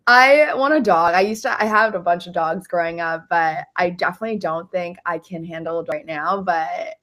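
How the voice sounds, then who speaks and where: A woman's voice: fairly low pitch, normal speed, a bit bright. A woman hosting a webinar, chatty and playful in casual talk. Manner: chatty and playful, laughs easily. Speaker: webinar host. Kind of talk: casual chat.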